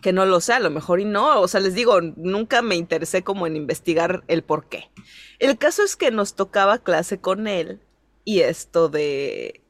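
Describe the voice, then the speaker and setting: A woman's voice: fairly low pitch, expressive, moderate pace, dry recording. A young Mexican woman telling a rambling anecdote in casual podcast chat. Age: young adult. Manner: rambling anecdotes with acted quotes. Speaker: podcast co-host.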